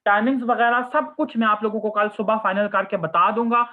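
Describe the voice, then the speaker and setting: A man's voice: high-pitched, fairly even intonation, brisk. Young guy doc answering student questions, mixes in english, keeps saying okay, sounds like a phone line. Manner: mixes English phrases into Hindi-Urdu, calls listeners 'children'; repeats 'ठीक है' often. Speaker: surgery postgraduate resident answering students' questions. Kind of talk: casual advice session. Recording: phone-like narrow audio.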